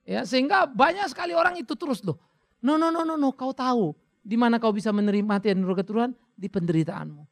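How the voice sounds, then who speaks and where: A man preaching a fervent sermon as pastor, blunt and scolding, swinging between quiet, low talk and loud, high exclamations. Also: expressive, fast talker, vocal fry, no echo.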